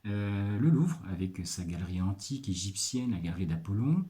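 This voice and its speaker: A French librarian presenting picks in a casual video, hesitant and full of filler pauses as he checks his notes. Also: lowish voice, lively intonation, dark tone. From France.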